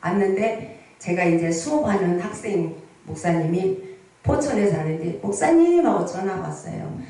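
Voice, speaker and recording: A woman's voice: lowish voice, animated, moderate pace, dark tone. A woman in her sixties preaching a sermon as pastor, telling stories and asking the congregation questions. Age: 60s. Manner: storytelling sermon with frequent rhetorical questions to the congregation. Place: large prayer hall. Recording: echoey hall, voice from the mic's distance.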